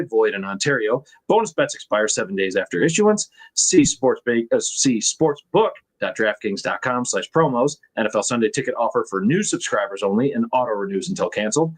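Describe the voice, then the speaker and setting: A man's voice: fairly low pitch, rough recording. Man reading in a stiff robot voice. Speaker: podcast host. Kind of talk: reading a sponsor disclaimer.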